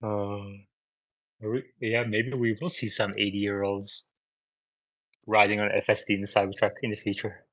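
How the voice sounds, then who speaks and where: A man hosts a live audio space, his voice low-pitched and recorded close and dry. He reads articles out loud, stops to add offhand remarks, and fills pauses with ums and uhs. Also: little pitch movement, no room sound, poor audio. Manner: reads articles aloud with side comments and filler words. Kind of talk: casual live discussion, reading news aloud.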